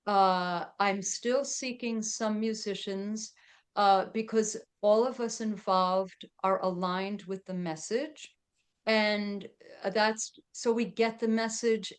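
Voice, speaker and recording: A woman's voice: mid-range voice, clear, resonant tone. A middle-aged woman chatting as a podcast guest, with lots of fillers and frequent laughs. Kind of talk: casual interview chat.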